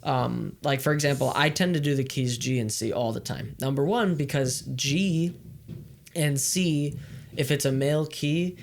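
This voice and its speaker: Creaky and mid-range, the man's voice moves at an unhurried pace. He's a worship leader co-hosting a podcast, talking casually in a rambling way, loosely explaining and often restarting his thoughts.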